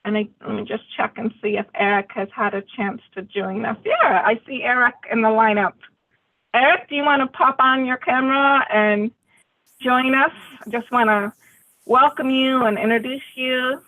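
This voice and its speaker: A woman's voice: on the high side, moderate pace, sharp tone, low-quality recording. A woman chairing an online meeting, friendly and welcoming as she runs through the agenda. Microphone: video call.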